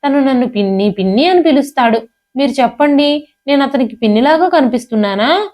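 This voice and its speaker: Brief: woman reader playing a haughty young wife, sharp and contemptuous, pitched up from her narration. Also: lively intonation, brisk. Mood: scornful. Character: scornful proud young wife, cold to in-laws.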